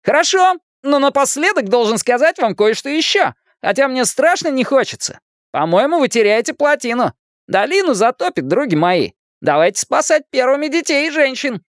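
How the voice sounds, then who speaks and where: A man reading aloud and voicing a loud, wisecracking boy who clowns and mocks his friends in a shrill, theatrical voice. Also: very animated, moderate pace, no room sound, studio quality, heavily acted. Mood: exultant.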